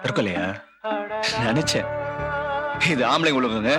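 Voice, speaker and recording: A man's voice: mid-range voice, animated, unhurried, close to an everyday voice. An actor playing an easygoing, helpful young man who slips English words into his talk. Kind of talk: Tamil film dialogue. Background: film music.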